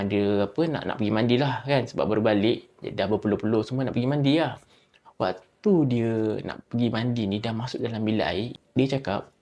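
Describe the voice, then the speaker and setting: A man who tells a horror story in a chatty way. He speaks straight to his listeners and uses dramatic pauses. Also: medium pitch, creaky, dark tone. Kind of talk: casual spooky story narration.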